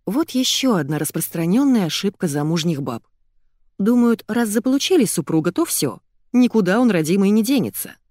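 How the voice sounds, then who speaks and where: A woman narrating an audiobook in the first person with a lively, expressive storytelling manner. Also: mid-range voice, a little fast, no room sound, studio quality.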